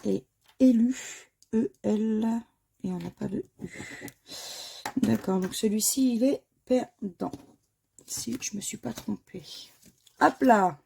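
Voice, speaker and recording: A woman's voice: fairly high pitch, slow, gravelly, long pauses, mellow, slight background noise. A woman who talks casually to her viewers while scratching lottery tickets, spelling out letters one by one and muttering under her breath between them. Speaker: scratch-card vlogger.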